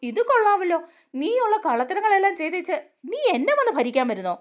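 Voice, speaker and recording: A scheming young woman from a TV serial answers back with mocking defiance, as a woman narrator puts her on. Her voice runs high with wide swings. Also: sing-song, quick pace. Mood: defiant.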